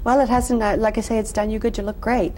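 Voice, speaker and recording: A woman hosting a TV interview in a restaurant, chatty and quick to laugh. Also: a little high, fairly even intonation, a little mellow, slight background noise. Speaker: interview host. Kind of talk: TV interview chat.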